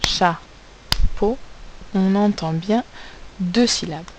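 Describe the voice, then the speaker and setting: A woman's voice: lowish voice, slow pace, a little mellow, slight background noise, low-quality recording. A woman teacher giving a recorded phonics lesson to young pupils, carefully spelling out sounds and letters.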